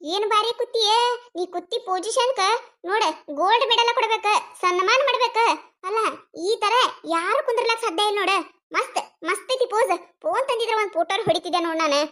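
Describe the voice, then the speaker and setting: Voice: very high-pitched, quick pace, sharp tone. A cackling meddling village neighbor woman. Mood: mocking. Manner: cackling, egging on. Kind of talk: cartoon voice acting.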